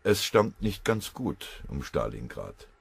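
A man narrates an audiobook in an even, measured way. His voice is very low and husky. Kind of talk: scripted narration.

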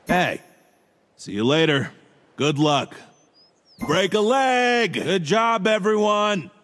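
An actor with an American accent playing a gruff, bossy middle-aged small-town police chief in a video game, giving clipped, commanding lines. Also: male voice, high voice, sing-song, slow pace, a bit bright, long reverb tail, heavily acted. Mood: gruff, curt.

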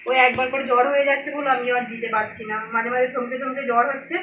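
Chatty high-voiced woman vlogging at home. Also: fairly even intonation, fast, sharp tone, a little hiss or hum. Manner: chatty, talks to viewers and coos at her baby daughter; whispers while the baby sleeps. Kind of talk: casual daily vlog talk.

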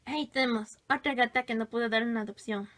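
A woman chats casually through a stack of her old sketches. She gushes and exclaims, teasing herself along the way. Her voice sits a little high. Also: steady tone, brisk, a bit bright. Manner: gushing, exclamatory, self-teasing. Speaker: vlogger showing her old drawings. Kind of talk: casual show-and-tell.

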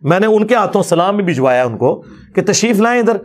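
A man's voice: sits high, big pitch swings. A male religious lecturer giving critical commentary on a clip in an argumentative, challenging manner.

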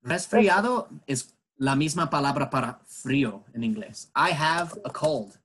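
Slow, patient bilingual English teacher man. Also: mid-range voice, expressive, fairly bright tone, husky, poor audio. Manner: slow, patient explaining, switching between English and Spanish. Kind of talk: bilingual classroom lesson.

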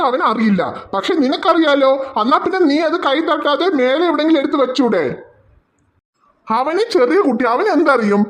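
A man voicing a cartoon father who calmly reasons with and lectures his wife. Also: very high-pitched. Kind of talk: cartoon voice acting.

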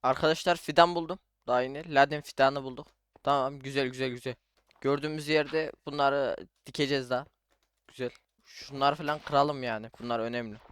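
A man's voice: mid-range voice, steady tone, a little fast, fairly bright tone, smooth. A young man casually commenting on his own Minecraft playthrough, chatting to himself and his viewers as he plays. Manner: chatty, talks to himself while playing, says "abi" and "arkadaşlar" often. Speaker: gaming YouTuber.

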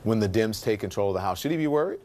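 A man anchoring a cable news panel discussion, brisk and sometimes sarcastic as he questions guests. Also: fairly low pitch, animated, a little mellow, a little hiss or hum.

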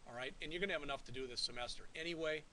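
Bright-voiced man giving a classroom lecture. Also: fairly high pitch, racing, low-quality recording. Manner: conversational, checks in often with "all right?". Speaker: college instructor. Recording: faint hiss.

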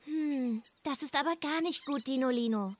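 A gentle young elephant girl with a very high, soft voice, voiced by a woman reading a storybook. She speaks quietly and kindly and sounds a little far from the mic. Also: moderate pace, a little hiss or hum, close to an everyday voice. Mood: caring.

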